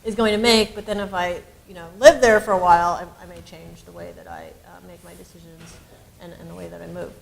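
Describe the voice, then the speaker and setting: Talking fast with vocal fry and few pauses, a woman with a lowish, steady voice explains ideas at a university panel discussion. The researcher hesitates often with ums and restarts, and the recording is rough.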